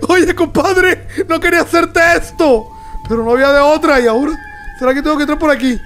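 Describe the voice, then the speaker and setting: High-voiced excitable man gaming. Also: a little fast, a little hiss or hum. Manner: excitable, talks to viewers, yelps and laughs at scares. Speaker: gamer. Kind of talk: let's-play commentary. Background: game music.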